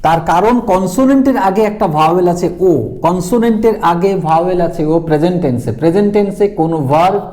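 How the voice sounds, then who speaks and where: A man with a Bengali accent teaching English grammar, slowly repeating and spelling out words and switching between Bengali and English. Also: high-pitched, darkish tone. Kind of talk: classroom grammar lesson.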